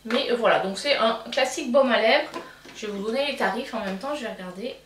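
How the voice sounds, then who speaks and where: A woman's voice: a little high, brisk. Woman, French accent, casual unboxing chat, lots of fillers, faint hiss behind. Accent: French, self-described accent. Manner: chatty, many fillers and restarts. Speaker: beauty vlogger. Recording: echoey room, from a distance.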